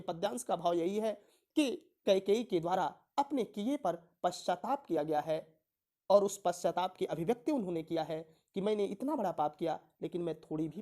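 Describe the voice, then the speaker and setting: A woman teaching an exam-prep Hindi lesson, reading verses slowly and then explaining them, often asking herself a question and answering it. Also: fairly low pitch, dark tone. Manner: recites verse slowly with rising emphasis, then explains in plain terms.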